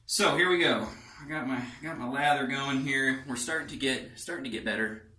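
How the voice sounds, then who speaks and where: A man's voice: mid-range voice, moderate pace, sharp tone. A man casually demonstrating his shave at home in his bathroom, joking and thinking aloud as he works. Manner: joking, rambling, thinks aloud while working. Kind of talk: casual how-to chat. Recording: echoey bathroom, far from mic, faint music.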